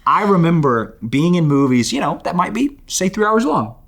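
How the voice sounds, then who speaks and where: A young man hosting a youth ministry show in casual chat, animated and upbeat, building up hype. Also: on the high side, moderate pace.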